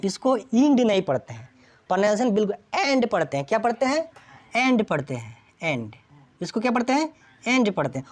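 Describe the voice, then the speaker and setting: A woman teaches an English grammar lesson in a classroom. Her voice sits somewhat high and swings widely in pitch as she keeps quizzing her students. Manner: asks students constant check questions.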